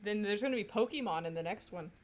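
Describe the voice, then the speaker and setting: Playful woman gamer with a mid-pitched voice. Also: expressive, fast, a little mellow. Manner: playful, sweary, slipping into acted lines. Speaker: gamer and co-host. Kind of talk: casual let's play, reading dialogue and commenting.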